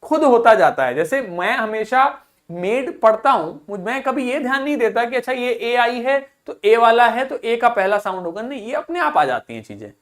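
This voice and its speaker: A male English teacher giving a video lesson in Hindi, who asks questions, answers them himself and repeats example words slowly. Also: very high voice, expressive, fairly bright tone.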